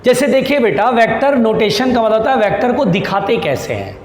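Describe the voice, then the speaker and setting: Patient, high-voiced male physics teacher. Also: sing-song, echoey room, big-room sound, slight background noise. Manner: patient, repeats key terms slowly; calls students "beta", reassuring. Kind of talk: classroom lecture.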